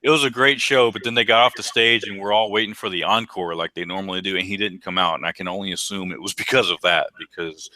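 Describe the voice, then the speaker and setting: Deep-voiced man telling rambling stories. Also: quick pace, hardly any pauses, sharp tone, no room sound. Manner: rambling storyteller, many ums and restarts. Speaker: podcast co-host. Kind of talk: casual chat.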